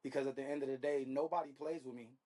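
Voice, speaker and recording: A man who was a contestant on a reality dating show gives casual, conversational interview answers as a guest. He talks fast at a medium pitch with a flat, slangy delivery, repeating check-in phrases.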